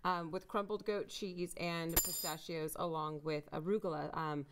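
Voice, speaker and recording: A woman's voice: lowish voice, fairly even intonation, unhurried, background noise. A woman demonstrating a recipe on a TV segment, talking casually with frequent fillers as she works. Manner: conversational, uses fillers while demonstrating. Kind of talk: cooking demonstration.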